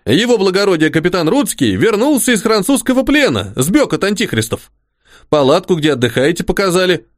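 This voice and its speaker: A man voicing a devoted old soldier-servant, humble and eager, his folksy words tumbling out as he fusses over his officer. The voice sits high and swings up and down. The sound is close and dry, with no room around it. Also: dry recording. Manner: rustic folksy speech, fussing and eager. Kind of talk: audiobook character voice.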